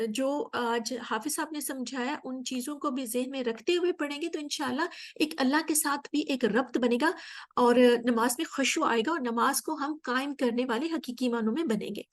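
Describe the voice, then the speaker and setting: A woman giving a patient, explanatory religious lesson, often pausing with hesitations. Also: high-pitched. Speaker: religious teacher. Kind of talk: Islamic lesson.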